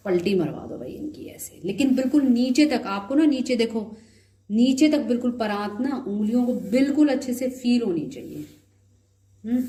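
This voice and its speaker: A woman's voice: medium pitch, mellow. Woman, home cooking tutorial, chatty step-by-step, slightly sore throat, roomy echo. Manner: chatty, explains step by step, mixes in English words. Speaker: cooking video host. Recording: echoey room.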